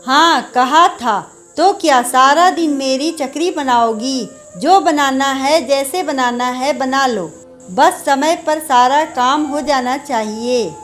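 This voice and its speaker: A woman's voice: sits high, slow pace, a bit bright, soft background music. A woman voicing a strict, domineering middle-aged mother-in-law in a storybook. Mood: scolding. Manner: bossy and scolding.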